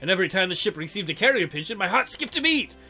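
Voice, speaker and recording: Racing along in a high, pushed, bright voice, a very animated man reads a visual novel for his let's play. He adds theatrical gags and breaks into silly impressions, with game music in the background.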